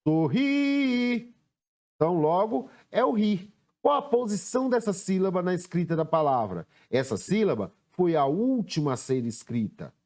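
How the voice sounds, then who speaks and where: A male teacher with a Brazilian Portuguese accent giving a recorded lesson, slowly sounding out words and stressing syllables. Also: high-pitched, very animated, darkish tone.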